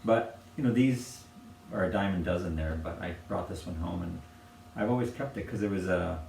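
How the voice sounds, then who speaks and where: Low gravelly American man, hesitant. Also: moderate pace. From United States. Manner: hesitant, lots of fillers and restarts, soft laughs. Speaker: potter presenting objects. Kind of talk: casual conversation. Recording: roomy, distant from the mic, faint noise.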